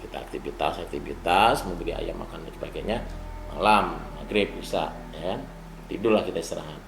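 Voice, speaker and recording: An older man telling a story in casual spoken style, animated and rising to loud bursts at tense moments, with a gravelly voice. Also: low voice, a little fast, over music. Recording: roomy room with clear background ambience.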